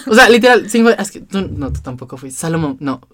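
A man's voice: fairly high pitch, very animated, fairly quick, crowd noise. A young man, rambling and cutting himself off as he chats casually with friends. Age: young adult. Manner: rambling, self-interrupting. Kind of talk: casual chat among friends.

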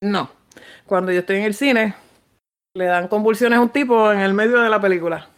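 A woman's voice: mid-range voice, brisk. Foul-mouthed Puerto Rican woman storyteller. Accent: Puerto Rican Spanish. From Puerto Rico. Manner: profane, animated storytelling with shouted quotes. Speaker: podcast co-host. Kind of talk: casual chat.

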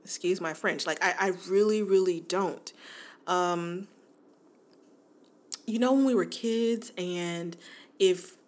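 Casting: woman, 40s, podcast host, warm chatty delivery, slightly low voice, laughs easily. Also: slow, pauses often. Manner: chatty, laughs often, addresses listeners as y'all. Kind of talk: casual podcast monologue.

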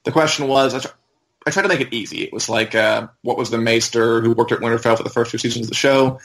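A man's voice: mid-range voice, steady tone, fast talker, fairly bright tone. A man talking casually as a podcast co-host, in an informal, conversational way. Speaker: website editor and podcast co-host.

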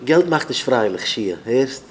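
A man's voice: mid-range voice, lively intonation, measured pace, slight background noise. Earnest man giving an informal spiritual talk. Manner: earnest, repeats phrases, restarts often. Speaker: speaker on a Breslov podcast.

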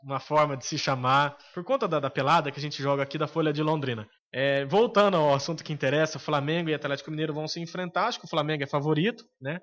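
A man with a Brazilian Portuguese accent, co-hosting a podcast in casual sports chat, opinionated and hesitant with frequent filler pauses. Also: on the high side, fairly bright tone. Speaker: podcast co-host.

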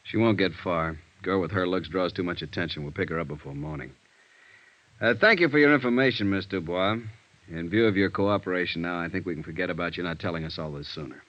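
A man's voice: deep voice, fast talker, lightly acted. An actor playing a blunt male police sergeant who talks in a clipped, businesslike way, in a 1950s radio drama. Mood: brisk. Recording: muffled old radio broadcast.

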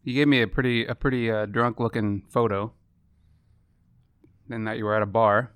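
A man's voice: fairly low pitch, fairly even intonation, moderate pace, fairly bright tone, clear, resonant tone, dry recording. A man hosting a casual podcast chat, joking and swearing freely, sometimes talking with his mouth full. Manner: joking, casually profane, talks through mouthfuls of food. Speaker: podcast host. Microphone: podcast microphone.

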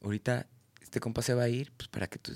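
This man talks fast in a creaky mid-range voice with fairly even intonation, captured as a dry recording. He's a singer-songwriter from Tabasco, Mexico, with a Mexican accent, a guest in a casual storytelling interview who rambles through slangy anecdotes and acts out what his friends said.

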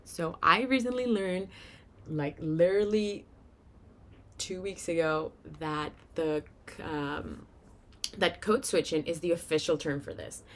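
A young Venezuelan woman hosts a casual solo podcast in a slightly low voice, her Venezuelan Spanish accent carried over from her first language. She's chatty and informal and giggles often while talking, with a little hiss or hum in the recording.

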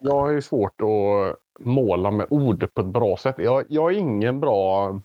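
A man's voice: lowish voice, animated, no room sound, lo-fi sound. A man with a mixed Swedish dialect, largely Gothenburg, chatting casually as a podcast co-host. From Gothenburg, Sweden. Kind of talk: casual chat.

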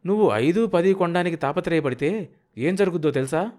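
A man's voice: a little high, animated, fairly quick, darkish tone, voice pushed up, natural voice. A man doing a wily, irritable village broker. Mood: wary. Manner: irritable, wary and needling. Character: wily, cautious male village broker, middle-aged.

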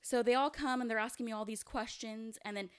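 Young female podcast co-host, smooth voice, animated casual storytelling. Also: a little high, a little fast. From California. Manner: animated, lots of "like", laughs while telling.

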